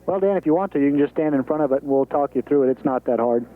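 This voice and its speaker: Rapid-fire and a little high, an American man's voice relays clear, businesslike step-by-step procedures as mission control's capsule communicator. The radio transmission has no echo and phone-quality sound over a thin, band-limited space link.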